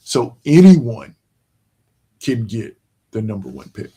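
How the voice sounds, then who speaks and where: Give me a man with a mellow voice chatting casually about sports, slow and rambling. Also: medium pitch, big pitch swings, breathy edge. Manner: rambling, many restarts and fillers, slow emphatic points. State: yawning, tired. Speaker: podcast host.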